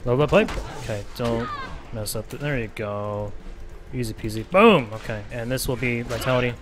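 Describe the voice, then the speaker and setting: Excitable man streaming a game. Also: mid-range voice, normal speed. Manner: excitable, chatty, repeats phrases in playful bursts. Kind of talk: live gameplay commentary. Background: game music.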